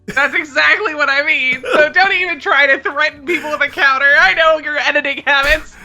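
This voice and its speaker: A woman's voice: high-pitched, fairly quick, pushed and bright, faint music behind. A woman with a tomboy voice, bantering casually as co-reader on a visual novel playthrough. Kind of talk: casual chat and banter with role reading.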